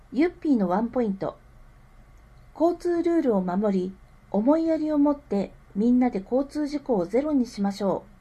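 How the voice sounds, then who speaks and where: A woman reading scripted public information aloud with careful, measured enunciation. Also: high voice, warm tone, breathy edge. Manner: careful enunciation, digits read out slowly one group at a time. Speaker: reader of a town newsletter.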